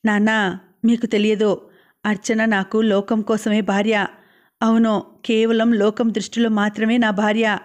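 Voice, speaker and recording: A woman's voice: medium pitch, little pitch movement, unhurried, natural voice. A woman voicing a troubled young husband who pleads with his father in an anguished way. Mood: distressed.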